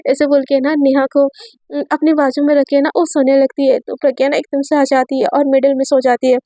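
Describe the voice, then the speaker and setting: A young woman with a high, mellow voice tells a romance story in a casual, chatty way, slipping into each character's quoted lines. The sound is dry and close. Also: flat delivery, brisk, no echo.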